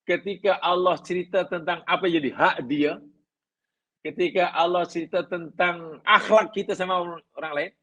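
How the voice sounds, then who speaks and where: A middle-aged man leads a religious study class. His voice sits a little high and has a husky grain. He explains in an easygoing, conversational way, working through plain everyday examples. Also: fairly bright tone, poor audio. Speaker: religious teacher. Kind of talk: classroom lecture on hadith. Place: class at an Islamic study centre.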